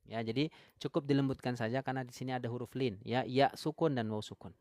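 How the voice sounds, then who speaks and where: A man's voice: medium pitch, fairly even intonation, a little mellow, no echo. Man teaching recitation, dry sound. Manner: explains step by step, drills syllables slowly, asks viewers questions. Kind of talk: online tajwid lesson.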